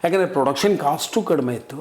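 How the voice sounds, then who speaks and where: Older man in his sixties, sincere and reflective, a touch high-pitched; interview guest. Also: animated, fast, a little mellow. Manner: earnest, reflective storytelling. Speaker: interview guest, comic actor. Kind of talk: casual interview talk.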